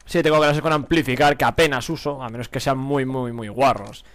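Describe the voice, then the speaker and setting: A man's voice: mid-range voice, fairly even intonation, brisk, no room sound, rough recording. A young man with a Spain Spanish accent, giving slangy, profane live gameplay commentary and laughing often. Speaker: gaming streamer.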